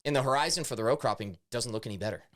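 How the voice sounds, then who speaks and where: A man's voice: medium pitch, very fast, a bit bright. A young man from Missouri, co-hosting a casual podcast and laying out his views on farming at length. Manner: opinionated, explains at length. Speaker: podcast co-host. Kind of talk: casual chat.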